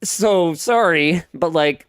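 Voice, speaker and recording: A man's voice: a little high, slow pace, fairly bright tone, smooth, dry recording, studio quality. A man in his thirties from Canada, hosting a casual podcast, who rambles and repeats himself as he talks. He says he has a Pacific Northwest way of speaking. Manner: rambling, self-interrupting, repeats words. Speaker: podcast host.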